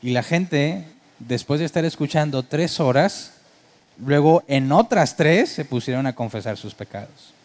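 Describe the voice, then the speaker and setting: A slightly high, slightly mellow male voice preaches in an animated yet somewhat slow way. The pastor keeps the sermon conversational, frequently poses rhetorical questions, and humorously imitates worship keyboard sounds.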